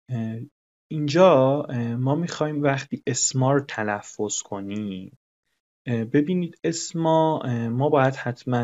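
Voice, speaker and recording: A male English teacher walks through a lesson, explaining patiently and repeating phrases so they sink in. His voice sits at a middle pitch. The recording is dull and lo-fi. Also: darkish tone.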